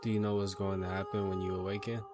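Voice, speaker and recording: Low, flat-voiced man casually gaming. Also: quick pace, music in the background. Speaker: gameplay streamer. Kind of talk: casual gaming commentary, reading dialogue aloud.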